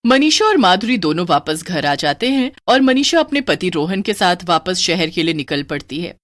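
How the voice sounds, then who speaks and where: Woman reading a spooky story, very lively tone, dry close mic. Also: lowish voice, moderate pace, no echo. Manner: expressive, animated. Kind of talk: scripted narration of a horror tale.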